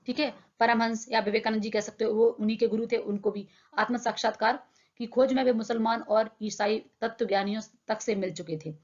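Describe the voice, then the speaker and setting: A woman's voice: a little high, steady tone, brisk. A young woman teacher explaining a textbook lesson in plain words, asking her own questions and answering them. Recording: dull lo-fi sound.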